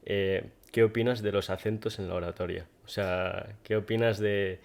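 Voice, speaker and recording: A man's voice: on the low side, fairly even intonation, normal speed, vocal fry, a little mellow. A man hosting a podcast interview, asking hesitant questions full of fillers. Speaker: podcast host.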